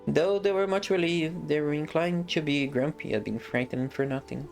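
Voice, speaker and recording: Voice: medium pitch, normal speed, gravelly, soft background music. A streamer reading a fantasy novel aloud on a live stream, breaking off for casual, joking asides.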